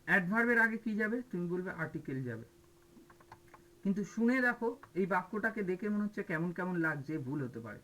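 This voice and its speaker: Guy teaching grammar for exams, high-ish voice, keeps asking then answering himself. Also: fairly quick, few pauses, sharp tone, rough recording. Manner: mixes English terms into explanations, asks and answers his own questions. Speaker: exam-prep English teacher. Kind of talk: classroom grammar lecture.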